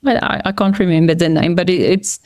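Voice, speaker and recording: A middle-aged woman whose first language is Afrikaans appears as a podcast guest in a casual conversational interview, speaking hesitantly with many fillers and restarts. Her voice is fairly low, slightly mellow, and fairly even in intonation, delivered briskly in clean, echo-free studio sound.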